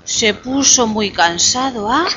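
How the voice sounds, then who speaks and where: Slow animated woman telling a fairy tale. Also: on the high side, lo-fi sound, a little hiss or hum. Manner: slow and animated, coaxing the child to finish lines. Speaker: storyteller to a child.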